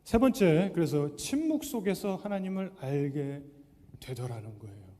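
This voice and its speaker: Man, pastor, sermon, fairly high voice, lively pitch, reverberant sanctuary. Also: moderate pace. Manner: animated preaching, acting out doubting believers and Jesus' words. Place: church sanctuary.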